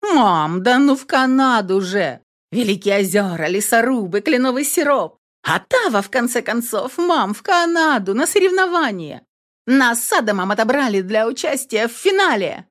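Woman doing a gushing excitable teen girl. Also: fairly high pitch, moderate pace, voice pushed up. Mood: excited. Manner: gushing, coaxing, uses pet names. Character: bubbly teenage girl nearly eighteen, excitable, affectionate.

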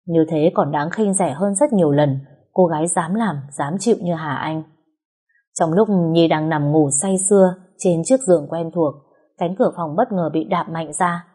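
A woman narrating a romance story in a steady, dramatic storytelling manner. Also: lowish voice, moderate pace, breathy edge. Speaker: audiobook narrator. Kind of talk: scripted narration.

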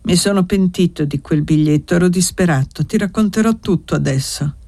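A man's voice: high voice, fairly quick, vocal fry, mellow, no room sound. A reader voicing Paolo, a young indebted nobleman who coaxes his lover and lies to her. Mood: coaxing. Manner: urgent, coaxing, lying.

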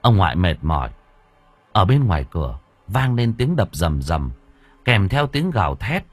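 Husky-voiced man narrating a story. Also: low voice, normal speed, no echo. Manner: dramatic, lively. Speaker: audiobook narrator. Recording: faint background music.

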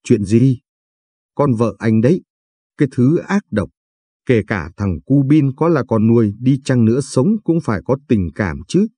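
A scolding elderly mother-in-law from a spoken story, as a man reads her lines. Her voice is husky and dark, and she lays blame with a cutting edge. The recording is dry and close. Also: medium pitch, expressive, unhurried, no echo. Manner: scolding, accusing. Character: sharp-tongued elderly village mother-in-law.

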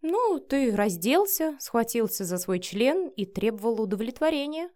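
A woman's voice: on the high side, very animated, a little slow, a little mellow. A woman reading the lines of a mocking, provocative young woman with sarcastic, playful taunts. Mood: taunting.

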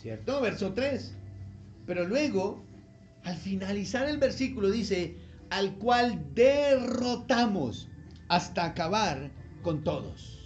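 A male pastor preaching an animated sermon, leading the congregation to repeat after him and often asking short questions. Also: dull audio. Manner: animated, swings from loud emphatic calls to low quiet asides; leads the congregation in call-and-repeat.

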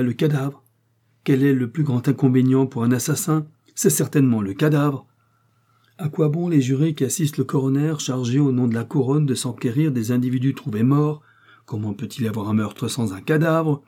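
A man's voice: medium pitch, dark tone, husky, voice pushed up, lightly acted. A man doing a timid, flustered old innkeeper. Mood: indignant. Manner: stammering, fretful and pleading.

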